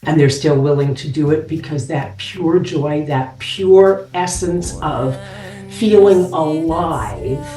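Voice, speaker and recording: Slow dark woman heard from afar. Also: low voice, soft background music. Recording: roomy, from a distance.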